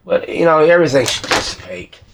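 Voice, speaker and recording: In a noisy hobby workshop full of clicks and handling sounds, a man mutters casually to himself while working at the bench. He's folksy and prone to mild swearing, like a repair hobbyist. His voice is on the high side, very animated, a little fast and gravelly.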